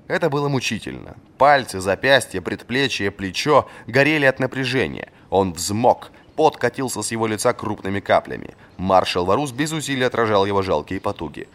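Lively, bright-voiced male narrator. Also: lowish voice. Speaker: audiobook narrator. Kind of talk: scripted narration.

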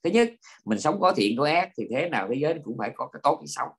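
Monk giving a chatty dharma talk, voice a bit high, lots of fillers and repeats. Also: male voice, racing, gravelly, slightly rough. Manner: lively storytelling with frequent fillers and repetitions. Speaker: Buddhist monk teaching.

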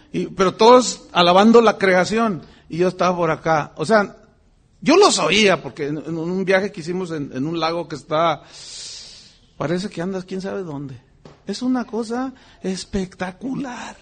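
A man preaching a sermon as pastor, animated and acting out voices and exclamations. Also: sits high, husky.

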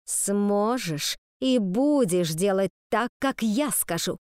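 A woman reading the part of a cruel, scheming schoolmistress who speaks slowly through clenched teeth. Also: medium pitch, a little mellow, smooth, no echo, clean studio sound, natural voice. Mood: menacing.

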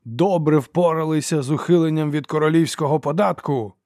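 A man voicing a suave, scheming older inquisitor in an audiobook, with a measured, melodious voice and a theatrical manner. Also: a little high, no echo, studio quality, pitched above the performer's own voice, close to an everyday voice. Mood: furious. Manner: smooth, theatrical, turns to shouting accusations. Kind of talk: audiobook character voice.

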